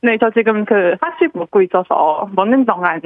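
A woman's voice: medium pitch, animated, normal speed, no echo. Young Taiwanese woman on a phone line. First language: Mandarin Chinese. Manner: polite, eager, short answers. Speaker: caller, student. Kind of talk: phone-in chat.

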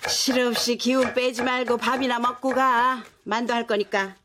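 A woman's voice: on the high side, steady tone, normal speed, noisy background, close to an everyday voice. An actress playing an older mother who mocks and stubbornly sues her daughter, often groaning and sighing. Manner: groans and sighs a lot. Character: sly, grumbling old mother, stubborn and mocking. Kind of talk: TV drama acting.

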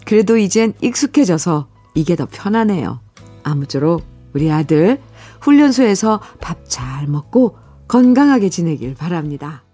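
A woman hosting a radio show, calmly reading listener letters aloud with soft music behind her. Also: lowish voice. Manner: calm, gentle, unhurried reading. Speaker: radio host. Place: radio studio.

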